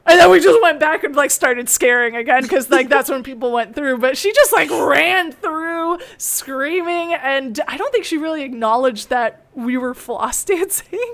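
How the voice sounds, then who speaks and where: A young woman hosting a casual chat, telling stories in a chatty, giggly, animated way. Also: high voice, normal speed, few pauses. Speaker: host.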